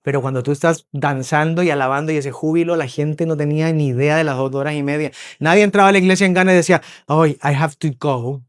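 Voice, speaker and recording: Animated preacher telling stories. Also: male voice, on the high side, fast talker, hardly any pauses, clean tone, dry recording, studio quality. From Spain. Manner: animated storyteller, acts out voices, checks in with listeners. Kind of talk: sermon with storytelling. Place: church hall.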